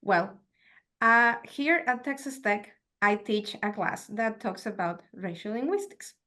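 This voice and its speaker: Speaking Spanish as her mother tongue, this Mexican woman teaches at a university and delivers an academic lecture. Her mid-pitched voice stays calm and reflective, and she moves at a measured pace while asking rhetorical questions.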